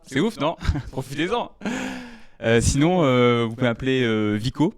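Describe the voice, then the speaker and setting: A young man from the French countryside doing live stand-up on stage, talking fast and stammering through filler words. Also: mid-range voice, animated. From rural France. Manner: talks fast, stammers and hesitates with many fillers. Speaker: stand-up comedian. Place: live comedy stage with audience.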